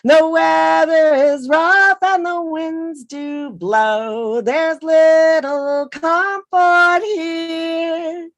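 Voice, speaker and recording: High-voiced woman singing a slow sea shanty. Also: dry recording, faint music behind. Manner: sings unaccompanied, drawing out long notes. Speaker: folk singer.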